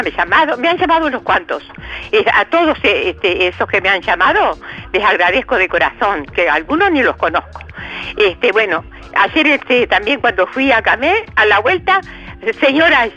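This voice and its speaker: An older woman with a Uruguayan accent calling in to a radio show, chatty and excited, laughing often and filling pauses. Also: mid-range voice, highs cut off. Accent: Uruguayan Spanish. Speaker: radio caller. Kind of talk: casual phone chat.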